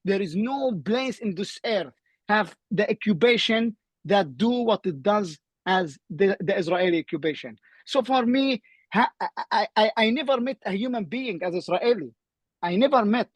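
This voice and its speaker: Impassioned Palestinian-accented man, high voice. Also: normal speed, dry recording. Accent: Palestinian Arabic. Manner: urgent, insistent, repeats phrases. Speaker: seminar participant. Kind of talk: impassioned argument in online seminar. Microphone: video call.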